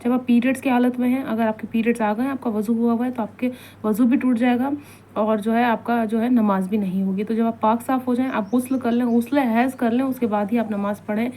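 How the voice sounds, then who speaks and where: A woman explains religious rules in an informal, conversational way, going over each point more than once and asking her listeners rhetorical questions. Her voice sits fairly high but sounds mellow and warm. A faint noise runs under the recording. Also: steady tone, brisk. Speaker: religious instructor.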